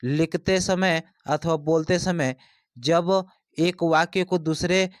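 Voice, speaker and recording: A man's voice: a little high, takes it slowly, dry recording. A man teaching an exam-prep lesson, explaining step by step and repeating his points.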